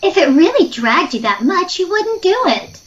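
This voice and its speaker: This very high, sing-song female voice moves at normal speed, chiding as an earnest, jumpy sister in an audio drama who scolds those around her. Faint noise sits under the dull, lo-fi audio.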